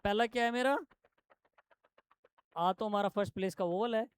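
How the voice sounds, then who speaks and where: A man teaching shorthand to a classroom, explaining step by step and quizzing his students with quick questions. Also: sits high, clear, resonant tone, no echo. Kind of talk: classroom lesson.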